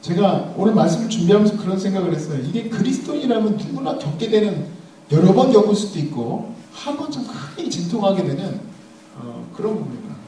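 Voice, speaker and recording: A preacher around thirty gives a sermon, addressing his listeners directly as he tells a funny personal story. His high, dark-toned voice is very animated and fairly quick. The recording has a little hiss or hum and comes from a mic at a distance in an echoey hall.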